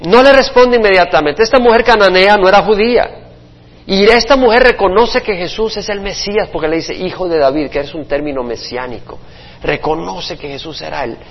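Pastor guy teaching bible study, kinda high voice, long echo, dull muffled sound. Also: fairly bright tone. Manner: conversational, asks listeners "¿verdad?", acts out short quotes.

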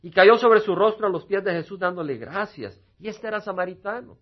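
A male pastor preaches a sermon in a husky, slightly raised voice. He swings from loud emphasis to quiet asides and acts out small dialogues along the way. The recording sounds dull and lo-fi. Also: high-pitched, fairly quick. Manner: acts out little quoted dialogues.

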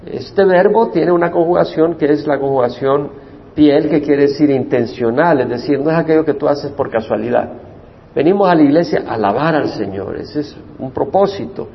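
Man, pastor, Bible study teaching, gravelly voice, repeats Hebrew terms, faint background noise. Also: on the high side, moderate pace, in a large hall, muffled recording. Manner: explains Hebrew word meanings, repeating terms for emphasis. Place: church.

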